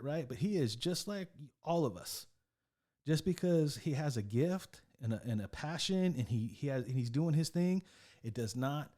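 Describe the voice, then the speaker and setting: A man's voice: fairly high pitch, mellow. A man giving casual commentary on a sports news video, talking in a loose, repetitive way and often tagging his points with "right?". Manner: conversational, repeats himself, keeps asking "right?".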